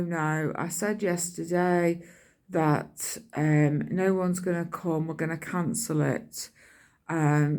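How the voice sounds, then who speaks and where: In a casual, rambling vlog, a middle-aged British woman chats through ordinary anecdotes, using colloquial speech and performing other people's lines. She has a lowish, darkish voice.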